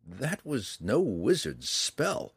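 A man voicing a calm, polite young male dark elf who speaks in a measured, formal way. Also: medium pitch, creaky, breathy edge, no echo, clean studio sound, voice pushed up, heavily acted. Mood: earnest.

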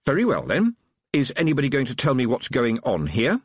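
A man voicing a young witch girl with a sharp, bossy, schoolteacherly manner. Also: mid-range voice, wildly swooping pitch, brisk, husky, no room sound, studio quality, voice pushed up. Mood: commanding.

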